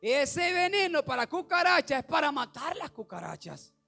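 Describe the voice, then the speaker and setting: Man preaching, very high voice, animated sermon, questions to the congregation, soft music behind. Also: moderate pace, gravelly. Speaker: pastor.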